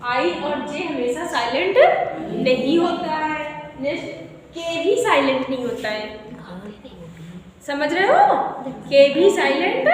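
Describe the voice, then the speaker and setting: A woman with a cold giving a classroom lesson as an English teacher, who keeps asking her pupils questions and answering them herself. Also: high voice. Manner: repeats questions to pupils, calls them beta. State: has a cold. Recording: echoey room from far off, noisy.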